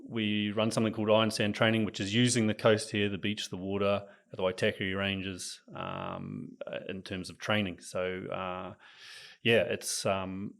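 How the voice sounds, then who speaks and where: Podcast guest: New Zealand man, low gravelly voice, easygoing and keen. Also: normal speed. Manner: relaxed, enthusiastic about nature. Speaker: guest, training coach. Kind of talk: casual interview chat.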